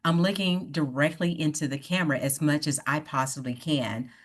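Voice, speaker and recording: A woman with a low voice runs a workshop over a video call. She coaches her listeners step by step and keeps checking in with "right?". The sound comes through a plain computer mic. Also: steady tone, moderate pace. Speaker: workshop presenter. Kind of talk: online workshop presentation.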